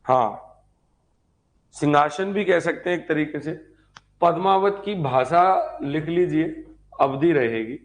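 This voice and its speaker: A history teacher prepping students for an exam gives an informal live class, speaking slowly with long pauses in a fairly high voice. He's instructive, repeats the key points, and checks in with the students.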